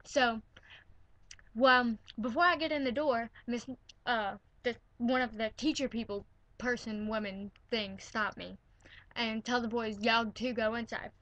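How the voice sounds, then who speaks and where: A woman's voice: on the high side, fairly even intonation, unhurried, fairly bright tone, no echo, dull audio. A teenage girl ranting from her bedroom in an indignant, sarcastic way, filling her talk with "like" and "all right?". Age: teens. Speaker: vlogger. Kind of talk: ranting to camera.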